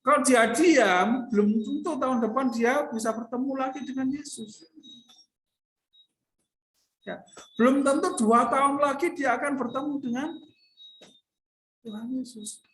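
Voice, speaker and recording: A woman's voice: sits high, measured pace, pauses often, fairly bright tone, reverberant, slight background noise, low-quality recording. A woman teacher telling a Bible story to a class of children, stopping often to check that they follow. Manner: retells the story and acts out the crowd's voices. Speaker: religion teacher.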